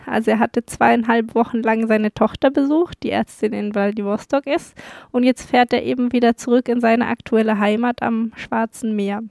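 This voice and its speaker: A woman telling a travel story as a vlogger, relaxed, with dry humor. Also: on the high side, normal speed, gravelly, no echo.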